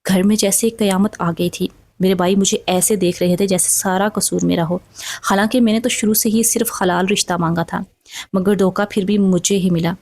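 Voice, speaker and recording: A woman's voice: mid-range voice, fairly even intonation, darkish tone, no echo. A woman telling an emotional first-person story in a dramatic, sorrowful way. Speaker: narrator.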